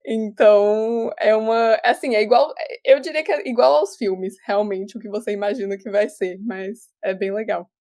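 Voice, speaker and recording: A young woman from Brazil chats casually as a guest on a remote call. She keeps restarting her sentences and laughs easily as she explains things. Her voice sits at an ordinary middle pitch. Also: steady tone, moderate pace, few pauses, warm tone. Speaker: actor guest. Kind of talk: casual interview chat.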